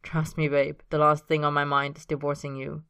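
A calm, affectionate young husband who speaks simply and without fuss, as a woman reader plays him. The voice sits low and clear, with no room sound at all. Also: moderate pace, dry recording, clean studio sound. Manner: matter-of-fact and low-key.

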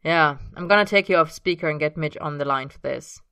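A calm, affectionate young husband who speaks simply and without fuss, as a woman reader plays him. The voice sits low and clear, with no room sound at all. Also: fairly quick, no echo, studio quality. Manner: matter-of-fact and low-key.

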